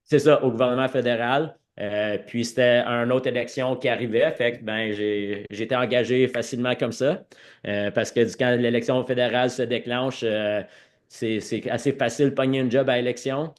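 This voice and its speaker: A former hockey player with a French Canadian accent tells his own story as a podcast guest, speaking conversationally and mixing English words into his talk. His medium-pitched voice stays fairly even in intonation and moves at a moderate pace.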